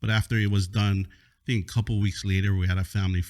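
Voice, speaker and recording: Male police officer from Hawaii, very deep voice, animated storyteller, casual podcast guest. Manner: animated storyteller, quick affirmations.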